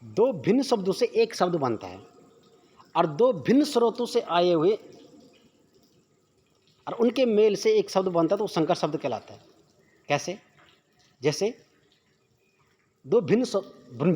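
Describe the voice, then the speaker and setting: Husky man teaching exam questions. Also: sits high, a little mellow. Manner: repetitive, asks rhetorical questions then answers them.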